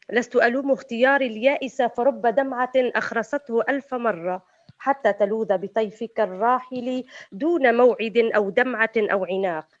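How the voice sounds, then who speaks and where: A woman slowly reciting her own poem aloud with solemn, expressive declaiming, on a video call. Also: on the high side. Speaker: poet reading her poem. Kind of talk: slow dramatic poetry recitation. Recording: muffled video-call audio.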